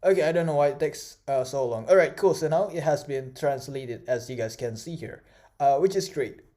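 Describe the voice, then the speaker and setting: This is a young Indonesian-native man teaching online over a screen recording, his voice fairly high, mellow, and at normal speed. Casual throughout, he scatters fillers and checks in with "right?" often.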